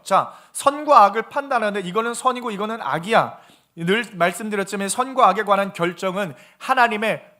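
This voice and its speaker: Bright, high-voiced male pastor preaching. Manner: animated, acts out quoted voices, asks the congregation questions. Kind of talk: sermon.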